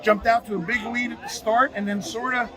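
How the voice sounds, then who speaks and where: A man hosting a high school football preview, breaking down the game and interviewing a coach in a conversational, analytical way. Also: steady tone, brisk, over music, a crowd in the background, poor audio. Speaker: sports show host.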